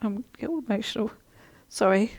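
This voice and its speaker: A woman's voice: on the high side, lively intonation, fast talker. Chatty woman hosting a live coaching stream. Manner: chatty, warm-hearted, many ums and restarts. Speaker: host of a live coaching session. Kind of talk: live stream, reading viewer comments and answering.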